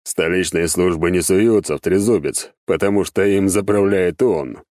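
A man's voice: low-pitched, moderate pace, a little mellow, dry recording, studio quality, close to an everyday voice. A man reading an audiobook, voicing a big scarred male demon crime boss who gives orders in a mocking, commanding way. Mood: amused. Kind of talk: audiobook character voice.

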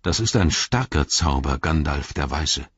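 A man's voice: very deep voice, animated, unhurried, slightly rough, no room sound, muffled recording, heavily acted. A man voicing a weary aging king who speaks earnestly and tiredly in an audiobook reading. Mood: questioning. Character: weary aging king, proud but doubting.

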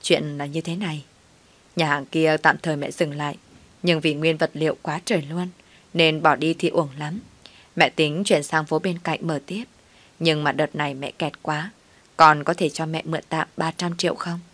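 A woman's voice: low-pitched, little pitch movement, moderate pace, a bit bright. A woman voicing a scheming older mother-in-law who coaxes and complains. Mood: coaxing. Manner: coaxing then complaining.

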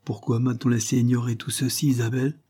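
A man voicing a stern, blunt older earl who questions pointedly, in a husky voice. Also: mid-range voice, flat delivery, fast, mellow, lightly acted. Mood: stern, probing. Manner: pointed, questioning, rising emphasis.

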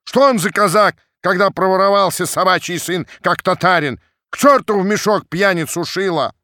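A man voicing a rowdy crowd of shouting male Cossacks in an audiobook reading. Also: high voice, big pitch swings, a little fast, no echo, studio quality, voice pushed up, exaggerated voice.

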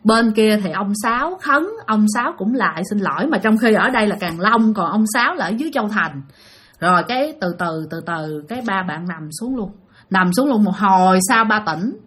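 Bright, breathy storyteller woman. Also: mid-range voice, animated, moderate pace. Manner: chatty, addresses listeners often. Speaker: storyteller of listener-sent ghost stories. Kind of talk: casual spoken storytelling.

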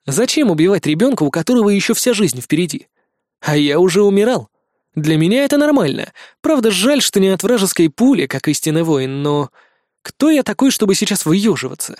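A man reads a first-person novel aloud in an expressive, wry way. His voice sits high for a man. The recording is dry and close, with no room. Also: brisk, no room sound. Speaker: audiobook narrator.

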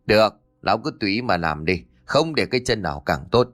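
A gruff old ghost-catcher, voiced by a male storyteller, low and grumbling as he snaps at his student. His manner is teasing and irritable. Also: lively intonation, a little fast, a bit bright.

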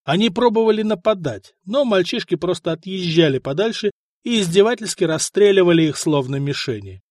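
Man, audiobook narrator, expressive, slightly high voice, lively intonation, dry close sound. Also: a little fast, dry recording. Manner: expressive storytelling. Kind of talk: scripted narration.

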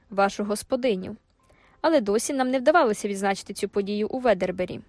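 A woman voicing a boastful young male soldier in an audiobook, declaiming loudly and drawn out. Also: fairly high pitch, no room sound, close to an everyday voice.

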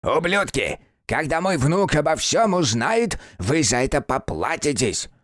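A rowdy old grandfather shouts and brags from a cell, as a man voices him in an audiobook. His voice swings widely in pitch, and the recording is dry and close. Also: very animated, a little slow, no echo. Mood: shouting, taunting. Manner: yelling, taunting and boastful. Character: loud cantankerous old village grandfather. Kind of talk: audiobook character voice.

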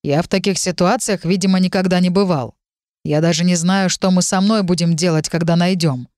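A woman's voice: on the low side, steady tone, fairly quick, a little mellow, no echo, clean studio sound, natural voice. A woman voicing a proud, touchy dragon. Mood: uncertain. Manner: growling, suspicious, touchy. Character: proud grumpy male dragon inside her head.

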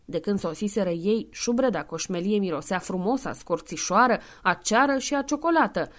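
A woman narrates a novel aloud at a medium pitch. Her reading is measured and clear, and she speaks the translator's footnotes plainly. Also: lively intonation. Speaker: audiobook reader. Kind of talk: scripted narration.

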